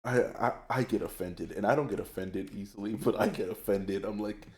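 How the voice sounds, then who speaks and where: A man's voice: on the low side, normal speed, a little mellow. A man chatting casually, rambling and hesitant, with many fillers. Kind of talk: casual chat.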